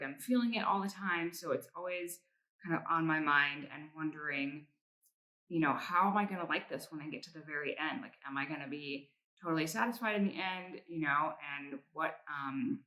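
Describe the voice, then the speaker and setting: A woman's voice: low-pitched, moderate pace, bright, forceful tone, low-quality recording. A woman vlogger giving a casual personal update in a reflective, somewhat hesitant way.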